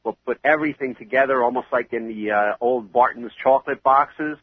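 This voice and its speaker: A man's voice: medium pitch, brisk, breathy edge, no room sound. A man in his fifties with a New York accent and a head cold, chatting as an interview guest over a phone line. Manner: chatty, rambling with fillers.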